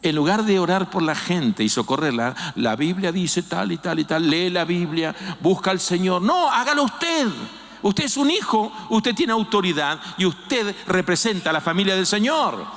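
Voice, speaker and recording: An older man preaching a sermon as a pastor, animated and acting out quoted voices. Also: high-pitched, normal speed, few pauses. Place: church. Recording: long hall reverb.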